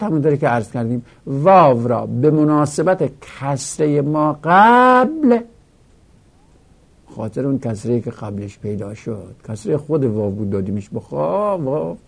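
A man's voice: medium pitch, darkish tone. A male teacher giving a grammar lesson, explaining step by step and reciting verb conjugations in a rhythmic drill. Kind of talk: Arabic grammar lesson taught in Persian.

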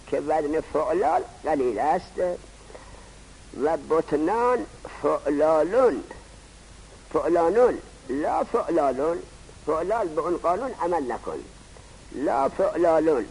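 A man teaching a grammar lesson, posing rhetorical questions and answering them himself in a slow, drawn-out teaching cadence. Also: on the high side, expressive, darkish tone, a little hiss or hum, low-quality recording. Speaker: seminary teacher. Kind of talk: classroom lecture on Arabic grammar.

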